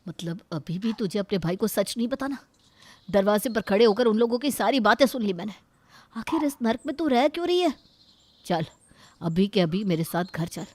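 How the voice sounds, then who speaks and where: An indignant young brother, voiced by a woman in a cartoon story, arguing hard for his sister. His voice sits in a plain middle register and his tone is sharp and protective. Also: medium pitch, lively intonation, moderate pace, close to an everyday voice. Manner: indignant, pleading, argumentative.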